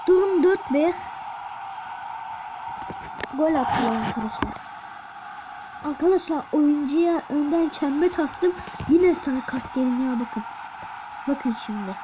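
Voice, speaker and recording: Woman, high voice, unhurried gameplay commentary, chants and cheers, muffled recording, loud background noise. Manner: talks to viewers, chants and cheers players on. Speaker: gaming video host.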